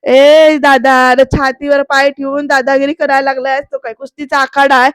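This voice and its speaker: A woman's voice: sits high, level tone, normal speed, no room sound, studio quality, close to an everyday voice. A woman voicing a scheming younger brother in a serial recap, coaxing and whiny. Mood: pleading. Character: scheming middle-aged male schemer, pleading brother.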